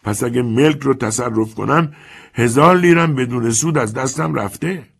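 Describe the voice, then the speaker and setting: A man's voice: medium pitch, gravelly, breathy edge, pitched above the performer's own voice. A man doing a sly sickly old moneylender. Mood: calm, sly. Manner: soft, slow, calmly menacing. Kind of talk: audiobook character voice.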